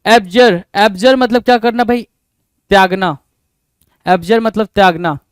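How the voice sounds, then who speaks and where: Man teaching vocabulary, clear voice. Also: high voice, a little slow, dry recording, studio quality. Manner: asks rhetorical questions and answers them himself, repeating key words. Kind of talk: exam-prep vocabulary lesson.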